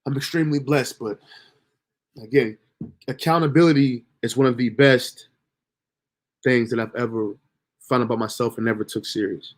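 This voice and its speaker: A young livestream host gives himself a pep talk in a casual monologue, full of slang and swearing. His mid-range voice stays fairly even at a moderate pace, and he pauses often.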